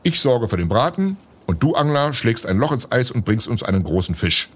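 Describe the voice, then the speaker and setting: A man voicing a take-charge male hunter in a storybook, speaking briskly. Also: medium pitch, very animated, breathy edge, voice pushed up.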